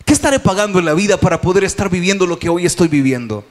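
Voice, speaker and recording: High-voiced preaching pastor. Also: male voice, fast talker. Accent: Salvadoran Spanish. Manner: rising to loud exhortation, call and response. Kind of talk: sermon. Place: church hall.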